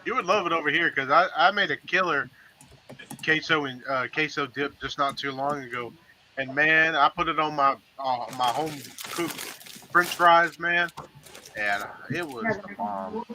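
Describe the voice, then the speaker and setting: A man's voice: fairly high pitch, normal speed, bright, forceful tone, a little hiss or hum, rough recording. A man co-hosting a podcast, laid-back and chatty, dropping "man" as he talks. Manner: laid-back, enthusiastic about food, uses "man". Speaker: podcast co-host. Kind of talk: casual chat. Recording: remote call into streamed podcast.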